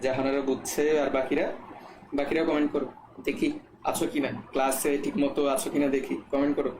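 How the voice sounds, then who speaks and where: A man's voice: mid-range voice, little pitch movement, fairly quick. Echoey male chemistry tutor. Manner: explains step by step, checks students' comments, frequent "ঠিক আছে?". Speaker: chemistry teacher. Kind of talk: live online class lecture. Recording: echoey room with faint background noise.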